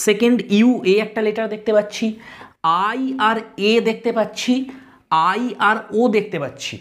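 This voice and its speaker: A man teaching an exam-prep lesson, patiently explaining step by step and sounding out words slowly. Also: high-pitched.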